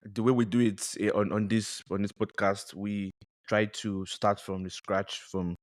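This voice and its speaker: Male podcast host, fairly low voice, dry close sound, casual chat, stop-start phrasing. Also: level tone, measured pace, dry recording. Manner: chatty, hesitant, with repeated restarts.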